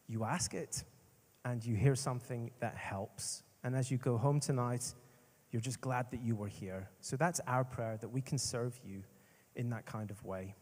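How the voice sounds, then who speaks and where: A man with a Northern Irish accent giving an energetic, emphatic apologetics talk with self-deprecating humor. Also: medium pitch. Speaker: speaker. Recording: echoey hall.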